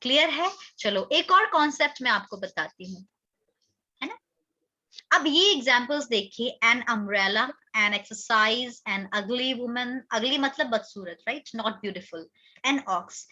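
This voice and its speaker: A woman's voice: on the high side, bright, forceful tone, lo-fi sound. A woman teaching an English grammar lesson, questioning her students and repeating their answers.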